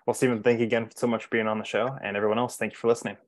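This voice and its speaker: A man's voice: on the low side, level tone, racing, no room sound. A man hosting a podcast, running the interview and closing the show in an upbeat manner. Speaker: podcast host.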